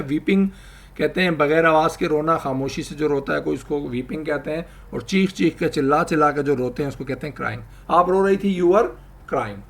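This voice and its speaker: A man teaching English grammar, explaining slowly and repeating example sentences. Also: on the high side, fairly bright tone. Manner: addresses viewers, asks them to try. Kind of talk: spoken language lesson.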